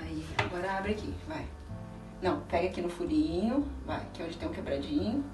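Her fairly low, expressive voice moving fairly quickly, a middle-aged aunt who hosts a cooking show works through a casual demo with a child indoors, chatty, patient and encouraging as she explains each step to viewers. The small kitchen sounds roomy, with a distant, helper-held camera a few feet off and music behind.

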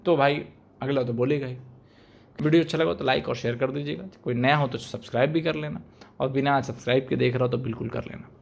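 With a gravelly, mid-range voice, a young adult man delivers YouTube commentary straight to camera. He argues pointedly and uses rhetorical questions. He sits in a small, plain-walled indoor room, recorded on a desk microphone in front of him.

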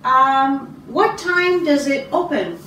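Slow, patient Canadian-born teacher, roomy room. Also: female voice, high voice, animated, bright, forceful tone, a little hiss or hum. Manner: many ums and throat clears, encouraging. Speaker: English teacher giving a speaking test. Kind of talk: slow, patient test interview. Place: small classroom office, indoors. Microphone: far camera. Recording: roomy, distant camera sound.

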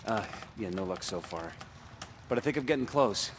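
An actor playing a troubled man searching dark woods, who talks haltingly and stammers with nervous laughs. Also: on the low side, animated, background noise, close to an everyday voice. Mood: wry. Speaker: game protagonist. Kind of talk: video game voice acting.

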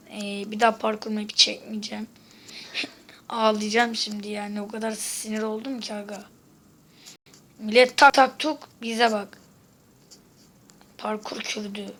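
A woman giving casual gameplay commentary, exasperated, swearing and shouting out at the game while chatting to her viewers. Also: medium pitch, slight background noise. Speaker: gaming video host.

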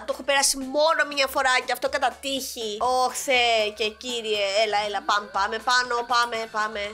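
A young woman, sick with a sore throat, giving excitable gameplay commentary as a gaming YouTuber. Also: on the high side, faint music behind. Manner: excitable, exclaiming at the game.

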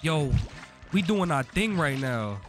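A man giving easygoing, slang-heavy commentary while playing a video game, swearing freely. His voice sits slightly high, with faint game music behind him. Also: slow pace. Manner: laid-back, slangy, swears freely, gets excited. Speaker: gaming YouTuber. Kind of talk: casual gameplay commentary.

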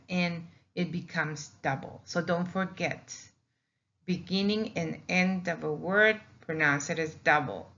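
Patient teacher, woman, speaks slowly, repeats sounds for students, muffled recording. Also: fairly low pitch, fairly bright tone. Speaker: Spanish teacher. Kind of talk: slow classroom lesson narration over slides.

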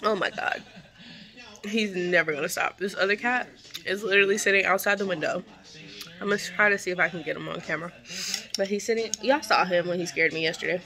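A woman's voice: on the low side, fast, sharp tone. Chatty slangy woman vlogging. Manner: chatty, slangy, swears casually. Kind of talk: casual vlog chat. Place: home and car. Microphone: phone camera.

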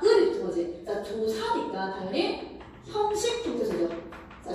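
A woman's voice: a little high, warm tone, slight background noise. A woman teaching a grammar lesson to a class, often checking in with her students. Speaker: Korean language teacher. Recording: echoey room, from a distance.

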